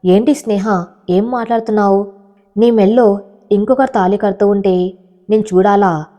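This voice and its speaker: A woman's voice: mid-range voice, fairly even intonation, normal speed, mellow, natural voice. A woman voicing an earnest young man in love in a storybook reading, speaking in an earnest, pained way.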